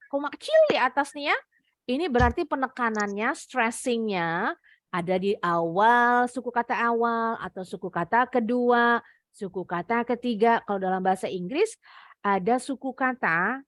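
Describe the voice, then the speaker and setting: Woman teacher, slightly high voice, dry close sound, slow and clear for kids. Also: dry recording. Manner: slow, clear modeling of words for children. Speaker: English teacher. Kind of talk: online class teaching.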